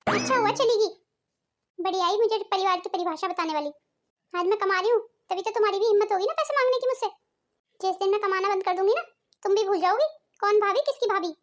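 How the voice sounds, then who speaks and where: A woman's voice: extremely high pitch, fast talker. Woman voicing a scornful rich daughter-in-law. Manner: sharp, scornful, boastful. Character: young bossy earning daughter-in-law. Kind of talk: cartoon voice acting.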